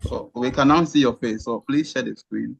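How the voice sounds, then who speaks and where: Une femme qui anime une réunion en ligne, entendue à distance par le son d'un appel vidéo dans un enregistrement d'écran, posant des questions rapides pour vérifier la connexion. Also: female voice, rumbling low, vocal fry. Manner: quick, checking-in questions. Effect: remote video-call audio captured in a screen recording. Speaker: meeting moderator. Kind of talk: online meeting coordination. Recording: muffled distant video-call audio.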